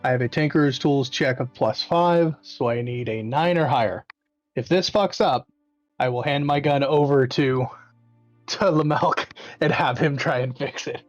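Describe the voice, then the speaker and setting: A man's voice: medium pitch, normal speed, no room sound, muffled recording, soft background music. A man playing a tabletop game over a call, joking and swearing casually while explaining his rolls. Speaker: player.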